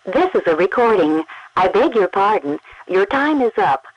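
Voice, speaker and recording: A woman gives a scripted payphone announcement played over a phone line. Her delivery is crisp, formal and measured. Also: medium pitch, very animated, dry recording. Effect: recorded payphone announcement over a phone line. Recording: tinny old telephone line, distant.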